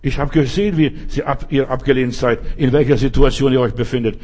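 A preacher voicing God, speaking slowly and emphatically with repeated phrases and a husky voice. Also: male voice, mid-range voice, fairly even intonation, a little mellow, close to an everyday voice. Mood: solemn. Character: God, a calm fatherly male voice.

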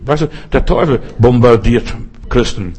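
An older man, a pastor, delivering a sermon with slow, emphatic repetitions and exclamations. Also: mid-range voice, animated, a little mellow, breathy edge.

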